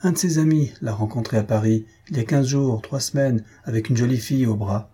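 A man voicing a self-assured gentleman, the future father-in-law, who speaks in a knowing, insinuating way, in a storybook reading. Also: mid-range voice, a little fast, lightly acted.

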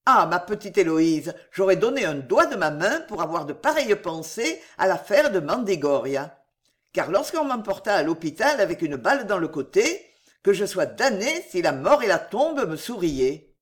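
A woman narrator reads a wry, teasing soldier with a prosaic bent. Her pitch moves in a lively way through his lines, in an audiobook reading. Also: normal speed.

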